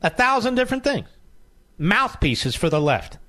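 A man's voice: high-pitched, big pitch swings, moderate pace, sharp tone. A man hosting a talk radio show, delivering an indignant, sarcastic monologue and taking calls. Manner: indignant, sarcastic, mocking opponents.

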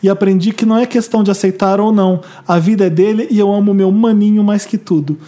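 Brief: man, podcast co-host, high voice, playful and giggly, reads listener mail. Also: fairly even intonation, fast, warm tone. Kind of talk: casual podcast chat, reading listener emails.

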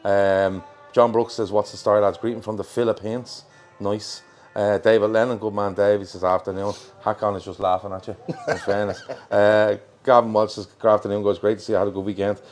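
A man's voice: on the low side, flat delivery, a little fast, hardly any pauses, faint music behind. An Irish man hosting a football show as a casual live chat, in a colloquial, matey manner. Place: pub in Liverpool. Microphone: worn mic.

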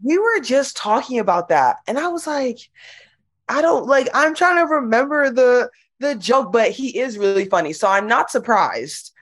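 A woman's voice: a little high, animated, normal speed. A young woman in a casual interview about her basketball career, chatty and giggly, saying "like" often. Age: young adult. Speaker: college basketball player.

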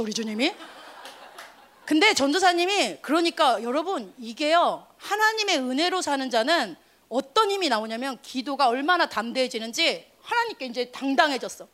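Female youth pastor, middle-aged, high bright voice, animated storytelling sermon that builds to fervent calls. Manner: animated, rising to fervent exhortation.

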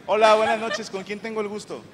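A man's voice: sits high, level tone, moderate pace. A man with a Mexican accent, a comedian interviewing audience members with teasing, crude banter at a live show. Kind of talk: crowd-work comedy interview. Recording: live venue reverb, audience noise.

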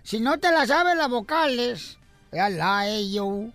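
Animated man telling radio jokes. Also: very high voice, slow pace, no room sound, faint music behind. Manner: animated, acts out joke characters with shifting voices. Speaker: radio show host.

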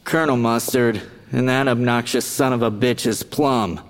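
A man's voice: medium pitch, steady tone, moderate pace, big-room sound, natural voice. An actor playing a sarcastic, blunt ghost who drops his dinner-theater role. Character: snarky male ghost actor, Colonel Mustard role. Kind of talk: audio drama acting.

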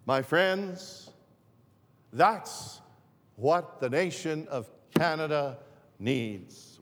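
Male pastor, sermon delivery, slow pace, slightly high voice, long hall reverb. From northern Greece. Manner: repeats and restarts phrases, slow and deliberate.

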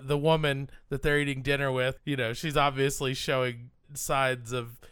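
A man's voice: mid-range voice, little pitch movement, moderate pace, a bit bright, clean tone, no echo. Wry man podcast co-host, dry close sound. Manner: dry, wry humor, recaps the plot. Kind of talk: casual film discussion.

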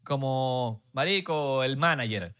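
Bright-voiced young Venezuelan man. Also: mid-range voice, slow pace, clean tone. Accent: Venezuelan Spanish. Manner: emphatic, peppers speech with slang fillers. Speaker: podcast co-host. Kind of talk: casual chat.

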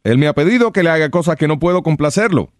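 A man's voice: a little high, lively intonation, fast talker, dry recording, studio quality. A man hosting a radio show, teasing and reading a listener's letter, mixing English into his Spanish. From Cuba.

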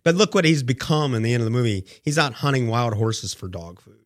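A man's voice: medium pitch, brisk, dry recording. A man chats animatedly about films on a radio show, acting out bits as he goes. The studio sound is dry and close. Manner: animated, acts out scenes. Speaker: radio film review host. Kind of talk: casual radio chat.

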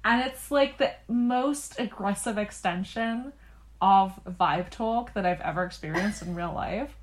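Young female podcast co-host, rambling and profane, quick to laugh. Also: mid-range voice. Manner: laughs often, swears freely, rambling asides. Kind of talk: casual chat.

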